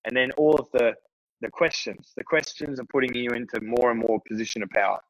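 A man's voice: mid-range voice, fairly quick, no echo, lo-fi sound. A man coaching tradespeople on phone sales, talking loosely with many fillers. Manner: casual, conversational, many fillers. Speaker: business coach. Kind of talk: instructional talk to tradespeople.

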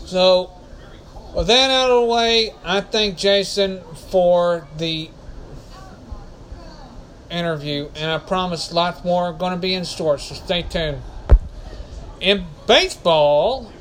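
A man's voice: high voice, fairly even intonation, slow, long pauses, fairly bright tone, low-quality recording. A man hosting a casual solo podcast, rambling and often correcting himself. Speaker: podcast host.

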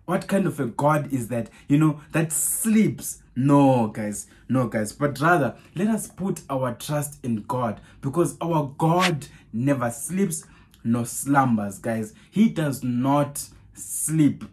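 A man preaching a podcast sermon who fires off rhetorical questions and keeps checking in with "guys" and "right?", getting louder and more animated on Bible quotes. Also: mid-range voice, takes it slowly, background noise.

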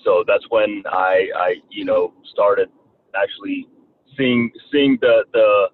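Guy in his 30s, bit of a southern twang, stumbles and repeats words, phone-quality sound. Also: on the low side. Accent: slight Southern US twang. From Rwanda. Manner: halting, repeats words often. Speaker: guest. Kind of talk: casual interview talk. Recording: tinny phone-like line, faint noise.

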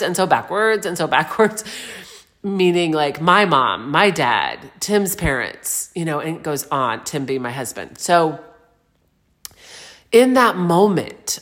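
A woman in her forties sharing a personal reflective monologue, meandering and earnest with frequent restarts and soft spiritual wording. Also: low voice. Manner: soft-spoken spiritual vocabulary.

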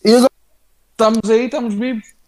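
A man with a European Portuguese accent co-hosting a casual live wrestling chat in a halting, slangy, familiar way. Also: extremely high pitch, little pitch movement, a little mellow. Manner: halting, slangy, addresses listeners and co-host familiarly. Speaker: wrestling show co-host.

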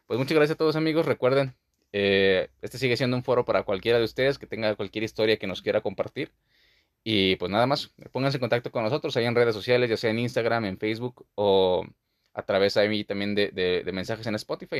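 A man's voice: lowish voice, dry recording, clean studio sound. A young man hosting a podcast, talking through a childhood memory in a rambling, casual way with many fillers. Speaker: podcast host.

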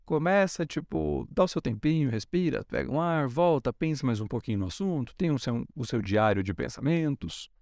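A young man with a Brazilian Portuguese accent talks through a casual solo podcast in a mid-range voice. He is chatty and loose, and slips into playful voices for quick bits of dialogue. The sound is dry and close, with no room around it. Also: mid-range voice, animated, gravelly, darkish tone, dry recording. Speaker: podcast host.

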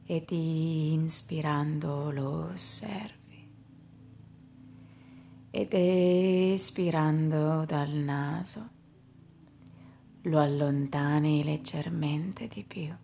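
A woman guides a meditation at an unhurried crawl, her voice low-pitched and heavy with vocal fry. She speaks softly and often slips into a whisper, over a faint hiss behind her. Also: fairly even intonation. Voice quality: slow, soft, drifting into whispers.

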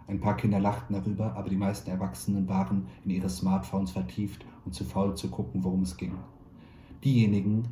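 A man, a stage actor, reading a literary short story aloud in a measured, quietly wry way. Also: deep voice. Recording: roomy echo, faint background noise.

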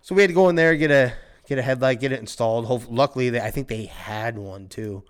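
A man telling a wild story in casual podcast chat, animated and profane, laughing often and shouting when he acts out the scene. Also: medium pitch, fast, smooth. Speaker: storyteller guest.

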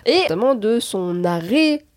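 A woman hosting a podcast interview, chatty and quick to laugh, with plenty of fillers. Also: on the high side, lively intonation, darkish tone. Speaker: podcast host. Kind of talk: casual interview.

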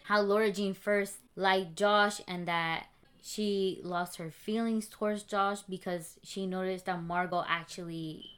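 Smooth-voiced young woman chatting casually. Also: medium pitch, fairly even intonation, a little slow, a bit bright. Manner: casual, filler-heavy, trails off into restarts. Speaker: podcast co-host. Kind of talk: casual book discussion.

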